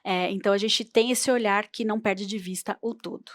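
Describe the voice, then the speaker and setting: A woman's voice: mid-range voice, steady tone, brisk, no echo, studio quality. A woman teaching oral storytelling in a workshop, playful and demonstrative as she varies her voice. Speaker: storytelling instructor.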